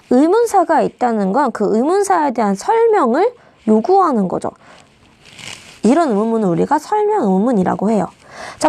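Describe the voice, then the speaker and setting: Woman teacher going thru grammar for an exam, bouncy sing-song voice w some gravel, dry close mic. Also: a little high, darkish tone, dry recording. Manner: explains step by step, asks students questions. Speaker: Korean language teacher. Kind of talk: exam-prep lecture.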